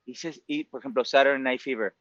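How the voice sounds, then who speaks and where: Medium-pitched, fairly even and fairly quick, with a slightly bright tone, the voice belongs to a Mexican musical theater performer in his forties with a Mexican Spanish accent. He reflects in a casual interview full of fillers and tag questions, on a dry recording with dull audio.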